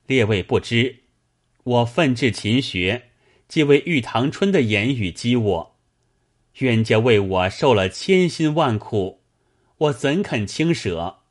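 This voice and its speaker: A man's voice: mid-range voice, lively intonation, slow pace. A man voicing a lovestruck, hot-tempered young male scholar who speaks in an anguished, demanding way. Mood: distraught.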